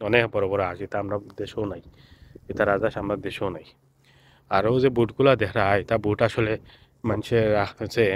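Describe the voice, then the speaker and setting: A man with a Sylheti accent talks casually in a slightly low voice while filming outdoors by a lake, repeating himself and filling pauses. There is a faint hum of open air behind him. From Sylhet, Bangladesh. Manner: chatty, repetitive, with many filler sounds. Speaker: vlogger. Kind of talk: casual vlog narration.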